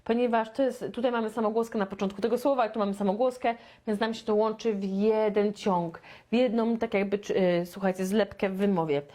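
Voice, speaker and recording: A woman from Poland teaching a beginner English lesson, chatty and playful, stretching out her model sentences very slowly. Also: medium pitch, fairly even intonation, warm tone. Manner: slow, deliberate, with very drawn-out model sentences; chatty and playful, with sound effects.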